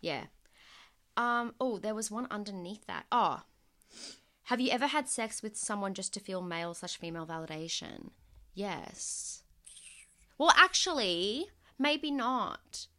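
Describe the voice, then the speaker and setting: A young woman chatting on her podcast. Her voice is bright and her pitch swings widely. She talks in an animated way, with lots of "like" and casual swearing. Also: measured pace, long pauses. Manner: animated, swears freely, frequent "like". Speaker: podcast host. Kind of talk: casual chat.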